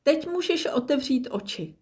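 An eager, polite little tortoise from a children's storybook, as a woman narrator puts her on, pitched well above the reader's own low voice. She speaks brightly and with a lot of excitement.

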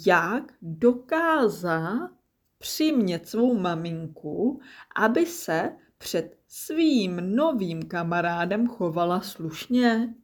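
A woman reads a children's story aloud in a gentle, soft-spoken way. Her voice sits a little low and stays quiet.

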